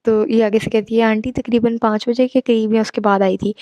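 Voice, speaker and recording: A woman's voice: a little high, steady tone, a little fast, warm tone, no room sound. A young woman casually telling a horror story, chatty and mixing in English asides. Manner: chatty, mixes English asides, exclaims at the listener.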